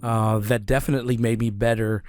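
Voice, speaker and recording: A man's voice: lowish voice, flat delivery, fairly quick, darkish tone, no echo, studio quality. A man hosting a podcast, asking long questions with frequent hesitant fillers. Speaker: podcast host. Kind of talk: interview questions, casual.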